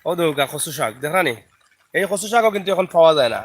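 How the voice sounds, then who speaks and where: A man's voice: on the high side, lively intonation, fast talker, dry recording. A man with a Sylheti accent chatting live to viewers from a riverside village, greeting them by name. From Bangladesh. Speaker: vlogger. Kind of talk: live video chat while filming outdoors.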